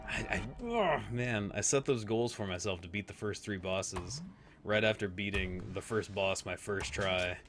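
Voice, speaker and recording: A man's voice: fairly low pitch, moderate pace, background noise. A man streaming a video game live, chatting casually with viewers, reacting aloud to the play and laughing often.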